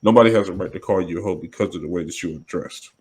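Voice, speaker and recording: A man's voice: low-pitched, very fast, a little mellow, husky, low-quality recording. A man co-hosting a podcast, talking in a casual, emphatic way and often checking in with "you know what I mean". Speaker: podcast co-host. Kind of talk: casual discussion.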